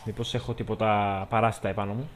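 A lowish male voice with little pitch movement delivers this let's-play commentary. He speaks with a Greek accent, cracks jokes, chats casually, and talks to the characters as he plays.

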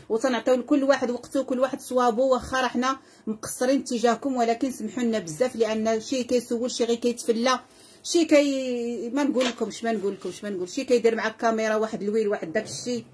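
Husky fast-talking Moroccan saleswoman. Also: on the high side, darkish tone. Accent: Moroccan Arabic. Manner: effusive, repetitive, calls out prices and blessings to viewers. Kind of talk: live sales pitch.

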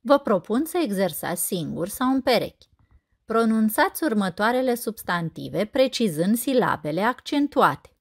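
A woman teacher narrating a scripted lesson, saying example words slowly and carefully. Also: mid-range voice, big pitch swings.

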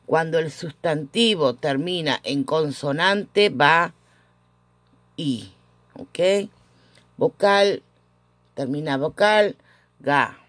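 A woman teaching a casual language lesson at home, patiently repeating each example with frequent "eh" pauses. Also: sits low, animated, fairly bright tone, no echo.

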